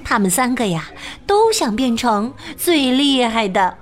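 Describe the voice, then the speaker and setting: A woman reading a picture book aloud to children, slow, lilting and expressive. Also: a little high. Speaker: children's storyteller. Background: faint music.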